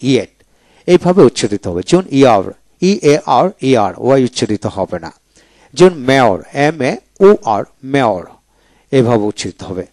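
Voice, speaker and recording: A man's voice: medium pitch, mellow, dry recording. Male teacher for a pronunciation lesson who spells each word and repeats it, in a dry booth. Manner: spells words letter by letter, then repeats them.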